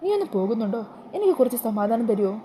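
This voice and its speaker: A woman's voice: on the high side, sing-song, fast, dark tone, slight background noise, low-quality recording. A woman doing a snappish troubled mother. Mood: angry. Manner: curt, snapping. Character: middle-aged mother, irritable and troubled.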